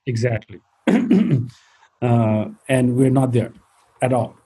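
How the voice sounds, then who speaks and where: A man from Nepal with a mellow, husky voice answers a host's questions. He speaks hesitantly, pausing on fillers and clearing his throat now and then. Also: medium pitch, lively intonation, rough recording. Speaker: guest, tech company founder. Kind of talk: interview answers.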